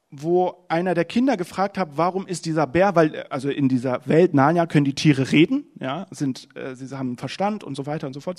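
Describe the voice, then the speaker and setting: A young man giving a sermon in a fairly high voice. He talks to the congregation conversationally, then pushes up into urgent, emphatic runs and sinks to hushed, low phrases. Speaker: preacher.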